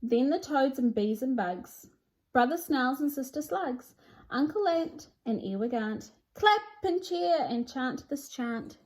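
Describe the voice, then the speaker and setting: A woman with a high, animated voice reads a children's picture book aloud at a measured pace, though the recording is rough. She presents it theatrically, with a sing-song, rhyming delivery, as an expressive storybook reader.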